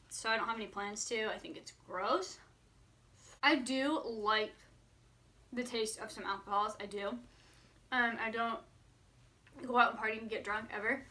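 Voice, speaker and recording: A woman in her early twenties chats to her viewers in a vlog style. Her voice is bright and sits a little high. She is candid and very informal, leaning heavily on "like" as she thinks out loud. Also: slight background noise. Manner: candid, informal, filler-heavy with frequent "like". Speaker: vlogger answering viewer questions. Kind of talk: casual chat to camera.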